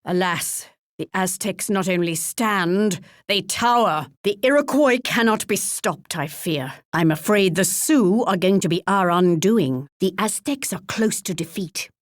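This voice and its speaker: A woman's voice: medium pitch, expressive, unhurried, no room sound, studio quality, lightly acted. An actress playing a regal, wry English queen in a video game, with a British accent and a pompous, formal, archly polite delivery. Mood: stately, wry. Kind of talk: theatrical video game character voice lines.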